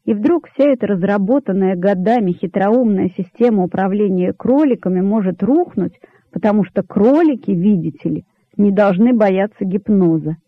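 A man narrates a storybook in a measured, expressive way. His voice sits fairly high for a man. The recording is dry and slightly muffled, like a lo-fi audiobook. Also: dry recording.

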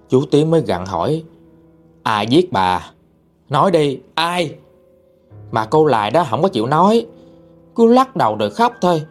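A man narrating a ghost story, chatty and dramatic, talking straight to his listeners. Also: medium pitch.

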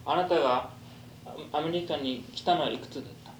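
A man's voice: fairly high pitch, a little fast. A man conducting an oral history interview with brief questions and listening murmurs. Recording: roomy echo, faint noise.

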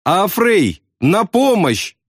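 Wounded young airman, pleading and near tears, pitched high and strained; a male narrator puts him on. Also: very animated, extremely slow, dry recording, studio quality, heavily acted. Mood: panicked.

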